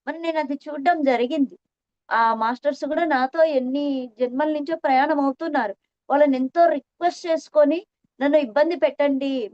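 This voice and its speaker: A middle-aged woman gives an earnest, reflective spiritual talk to listeners about her meditation experience, repeating phrases for emphasis. Her voice sits high with a darkish tone, captured in a dull, dry, lo-fi recording.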